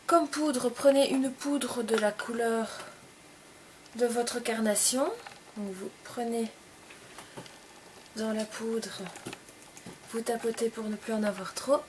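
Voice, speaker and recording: A young woman calmly explaining makeup steps in a tutorial, in short, gentle phrases. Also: a little high, slow, long pauses, background noise. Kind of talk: casual step-by-step makeup tutorial.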